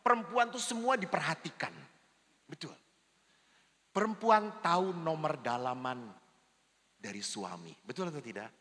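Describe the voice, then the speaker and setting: Man, priest, jokey seminar talk, high voice, echoing hall. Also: measured pace, long pauses. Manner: lively, jokey, acts out spouses' lines. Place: church hall. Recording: long reverb of a large hall.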